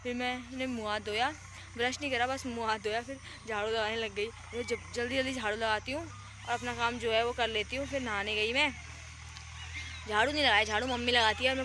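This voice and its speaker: A woman's voice: a little high, steady tone, brisk. A young woman from India, rambling on about her day as a casual vlogger. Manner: chatty, rambling storytelling. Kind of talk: casual vlog narration. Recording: noisy outdoor phone audio.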